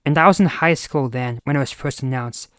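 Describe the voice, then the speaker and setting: A man's voice: mid-range voice, brisk, a bit bright, clean tone, no room sound, studio quality. Exasperated man in his twenties ranting. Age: 20s. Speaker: movie reviewer. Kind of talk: scripted review commentary.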